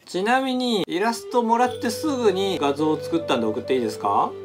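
A man's voice: sits high, animated, a little fast, over music. A man co-hosting and answering a quiz in playful, casual chat. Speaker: co-host and quiz contestant.

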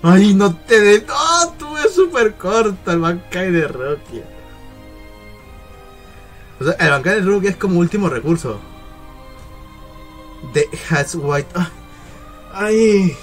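A young man from reacts to anime in an emotional, exclamatory way, swinging between cries and murmurs. His voice sits a little high. Faint music plays in the background. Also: big pitch swings, slow pace, pauses often. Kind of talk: excited reaction commentary.

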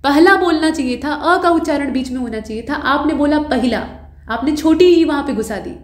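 A woman's voice: sits high, a little fast, reverberant. A woman teaching Hindi grammar for an exam, walking through answers patiently, putting questions to students and correcting her own slips. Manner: patient explainer who asks students rhetorical questions. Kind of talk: exam-prep lesson explaining answers.

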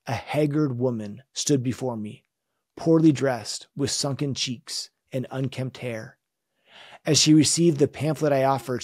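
A man delivers a scripture lesson in an earnest, measured and reflective manner. His voice has a husky edge at a middle pitch. The sound is dry and close, with no room around it. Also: darkish tone, no echo. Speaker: religion teacher.

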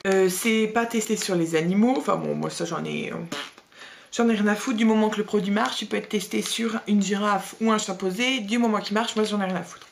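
A woman's voice: mid-range voice, fairly even intonation, brisk, creaky, slight background noise. A young woman vlogging a casual beauty box review, chatty and blunt, with slangy asides and lots of fillers.

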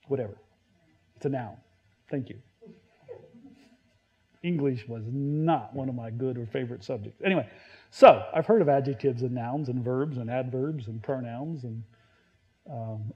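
A man preaching a sermon in a conversational way, stumbling and restarting, now and then acting out Bible quotes loudly. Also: a little high, highs cut off. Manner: conversational, self-deprecating preaching with many restarts. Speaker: pastor.

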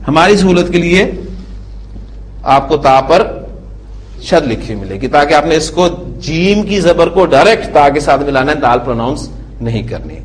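Grammar teacher: man, slightly high voice, slow syllable drills, quizzes the class, faint noise behind. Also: big pitch swings, poor audio. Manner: drills word forms slowly, syllable by syllable; asks the class checking questions.

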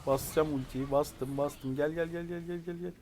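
A hoarse man from Turkey giving chatty live commentary while playing a mobile game, now and then bursting into excited shouts. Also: fairly high pitch, moderate pace, a little hiss or hum. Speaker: mobile game player and video creator.

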